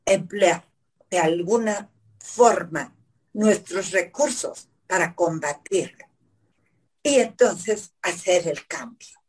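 A woman psychotherapist, explaining calmly step by step in an interview, often asking herself questions. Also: lowish voice, takes it slowly, slightly rough, rough recording. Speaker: psychotherapist guest.

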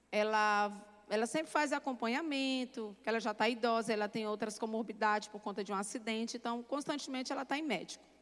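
A woman's voice: on the high side, in a large hall. A woman giving a fervent testimony in a church sermon, addressing the brethren.

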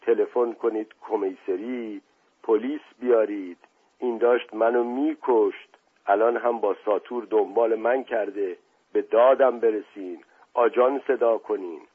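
A beaten coward whimpers and pleads in a weak, moaning voice, as a male narrator puts him on. The tone is husky. The sound is narrow and phone-like. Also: lowish voice, steady tone. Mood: feeble. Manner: moaning, feeble.

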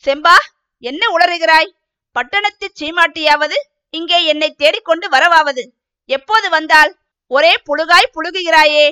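A woman's voice: very high voice, unhurried, pushed and bright, heavily acted. A woman voicing a flustered young male village farmer who answers defensively and pleads.

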